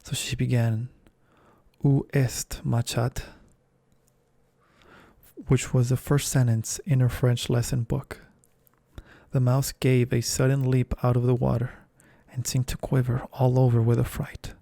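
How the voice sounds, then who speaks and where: A man reading a storybook aloud in a calm, gentle ASMR style, close to the microphone. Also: mid-range voice, moderate pace, creaky, no echo. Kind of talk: soft-spoken ASMR reading.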